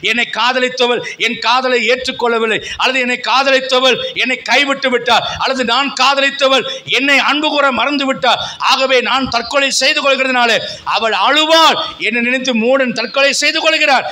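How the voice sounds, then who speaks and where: A man's voice: extremely high pitch, steady tone, moderate pace, sharp tone. A middle-aged male pastor preaching a fervent sermon in a church, with repeated calls and rising emphasis. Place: church sanctuary.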